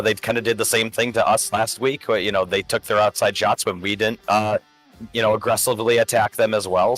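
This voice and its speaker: Male color commentator, low smoker's rasp from a lingering illness, casual and conversational, music underneath. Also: a bit bright, poor audio. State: getting over being sick.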